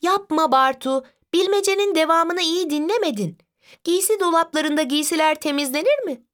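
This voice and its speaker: A woman voicing a confident young girl who is a big sister, with high, bright, quick retorts. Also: very animated. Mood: teasing.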